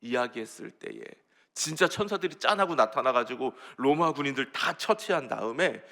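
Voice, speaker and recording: A man's voice: medium pitch, animated, moderate pace, vocal fry, sharp tone. A male pastor giving an early-morning sermon in a church, talking conversationally and putting questions to the congregation.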